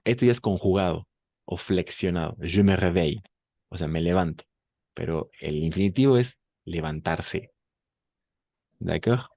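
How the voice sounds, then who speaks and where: A man's voice: low-pitched, normal speed, vocal fry, pauses often, warm tone, dry recording. A male French teacher giving a bilingual lesson, patiently repeating each phrase and often checking that the class understands.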